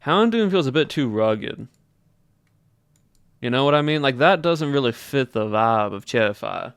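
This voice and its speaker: In a casual livestream, a man talks with viewers and thinks aloud in a loose, put-on Southern American drawl. His animated, medium-pitched voice is smooth and moves at normal speed. The studio sound is clean, with no echo.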